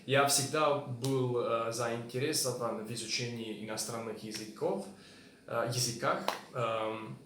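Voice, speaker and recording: A non-native male speaker, a language learner whose first language isn't Russian, hosts a casual interview, hesitating often with many fillers between words. His medium-pitched, fairly bright voice moves at a measured pace, in a roomy recording with slight hiss or hum.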